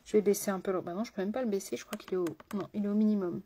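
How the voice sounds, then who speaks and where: A woman's voice: medium pitch, fairly even intonation, rapid-fire, mellow. A woman makeup artist chatting through a live makeup tutorial, talking straight to her viewers with rambling asides.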